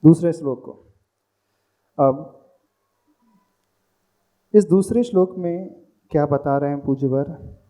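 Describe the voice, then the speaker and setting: A man's voice: fairly high pitch, slow, pauses often, warm tone. A man, a monk, teaching how to recite a Sanskrit hymn, patiently breaking words into syllables and chanting the lines. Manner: patient, drills pronunciation syllable by syllable. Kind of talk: slow recitation lesson with chanted verses.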